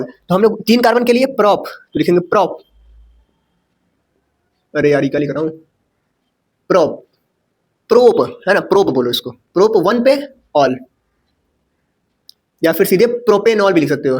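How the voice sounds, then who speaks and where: A man. He talks in a chatty way, throws rhetorical questions at his students and corrects himself as he writes. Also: high-pitched. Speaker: teacher. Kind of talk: casual chalkboard lecture.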